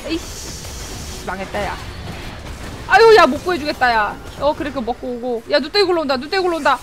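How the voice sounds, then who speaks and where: A woman streaming a game live, excitable, often shouting and laughing and answering her chat. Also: high-pitched, fairly quick, very noisy. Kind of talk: live gameplay commentary. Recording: game music playing clearly behind. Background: game music.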